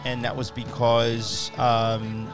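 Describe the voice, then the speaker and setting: A podcast co-host chats casually, with easygoing banter, while recorded music plays beneath his voice. He speaks slowly in a monotone at medium pitch.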